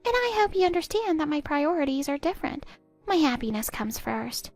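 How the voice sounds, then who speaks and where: A woman's voice: sits high, very animated, fairly quick, a little mellow, soft background music. A woman voicing a spiteful stepdaughter in her twenties who sneers and cuts down her stepmother. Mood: scornful. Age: 20s. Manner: sneering, cutting, contemptuous. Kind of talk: text-story voice acting.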